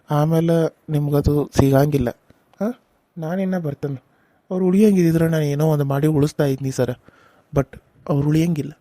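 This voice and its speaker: A grave, kindly village doctor, voiced by a man for a cartoon serial. His voice is dark and mellow yet sits fairly high, and the delivery is slow and measured. The sound is dry and close. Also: no room sound, natural voice. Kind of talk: Kannada cartoon serial voice acting.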